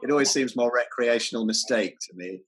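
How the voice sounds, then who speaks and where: As an interview guest, a health writer chats casually and enthusiastically, stumbling over false starts and repeated words. His medium-pitched voice moves fairly quickly on a low-quality recording.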